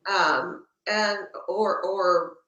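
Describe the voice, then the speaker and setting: A woman with a slight lisp, like someone wearing a retainer, talks reflectively and haltingly, searching for her words in an unscripted discussion. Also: mid-range voice, fairly even intonation, pushed and bright, lo-fi sound. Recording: echoey, roomy sound.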